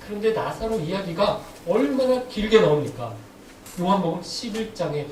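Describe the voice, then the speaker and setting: A man's voice: high voice, darkish tone. Man, pastor, sermon, questions the congregation, roomy echo, faint background noise. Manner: asks the congregation frequent questions. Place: church sanctuary. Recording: echoey hall, distant mic, faint noise.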